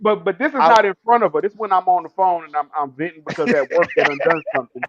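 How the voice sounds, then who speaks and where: A man's voice: sits high, quick pace, noisy background. A man co-hosting a casual talk show, telling laughing stories about family and respect. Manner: storytelling, laughs often. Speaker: co-host. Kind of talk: casual chat. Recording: dull, slightly lo-fi dry sound.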